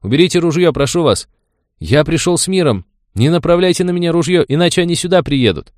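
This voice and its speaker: A man's voice: on the low side, lively intonation, brisk, darkish tone, dry recording, studio quality, voice pushed up, lightly acted. A man voicing a frightened young wanderer who talks nervously. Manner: nervous, pleading.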